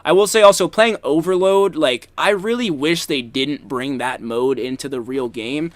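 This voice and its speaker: Hiccuping through his gameplay commentary, a young YouTuber rambles casually, cursing frequently and padding pauses with "ums" and "likes." He speaks at a moderate pace in a fairly high voice, recorded dry.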